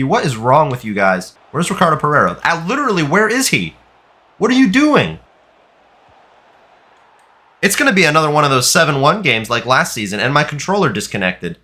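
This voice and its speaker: A young man commentates his own football video game as he plays it. His voice is bright and forward, in the middle pitch range for a man. He talks in a frustrated, animated way and often breaks into shouts at his players. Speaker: gaming YouTuber. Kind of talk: live gameplay commentary.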